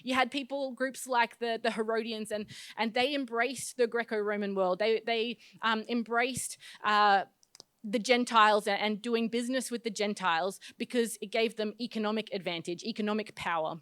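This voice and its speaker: A woman's voice: on the high side, steady tone, moderate pace, fairly bright tone, clean tone, no room sound. A woman pastor giving a sermon in a conversational, self-deprecating way, often restarting her phrases.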